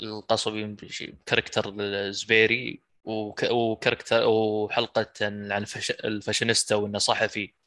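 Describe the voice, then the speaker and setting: A man's voice: fairly low pitch, flat delivery, moderate pace, sharp tone, no room sound. A man with a Saudi accent hosting a casual podcast chat. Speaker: podcast host.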